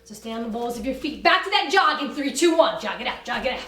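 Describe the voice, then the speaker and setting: High-pitched woman coaching a workout, echoey. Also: expressive, fairly bright tone. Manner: brisk, commanding, motivational coaching. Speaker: fitness class instructor. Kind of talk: energetic workout instruction with cues and countdowns. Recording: roomy echo, distant from the mic.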